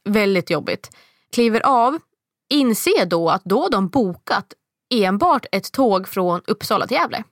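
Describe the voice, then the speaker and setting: A woman in her thirties telling a long story in casual chat, acting out the quotes in a much higher voice. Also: very animated, no room sound, clean studio sound.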